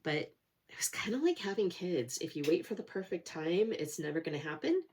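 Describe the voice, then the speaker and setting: A middle-aged woman with a fairly low, very animated voice chats briskly to camera about her cross-stitch projects over a noisy background. She's a little nasal from a cold and has a sore throat, rambling and poking fun at herself with plenty of fillers.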